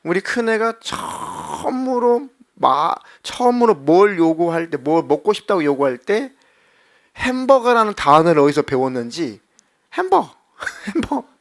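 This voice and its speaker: A middle-aged man preaching a sermon as a pastor in a church, animated and acting out voices as he talks. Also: a little high, unhurried. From South Korea. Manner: animated, acts out children's and God's voices. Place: church sanctuary.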